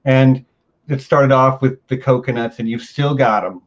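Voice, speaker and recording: A man's voice: mid-range voice, fairly even intonation, normal speed. A man hosting a casual podcast, easygoing and upbeat as he chats with his guest. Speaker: host. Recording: slightly dull, lo-fi mic.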